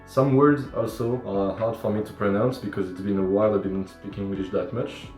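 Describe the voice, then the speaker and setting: A man's voice: on the low side, fairly even intonation, a little fast, darkish tone, roomy sound, soft background music. A young man with a French accent chatting casually on a livestream while he does his makeup, rambling and self-deprecating with lots of fillers. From France. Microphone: phone or tablet livestream.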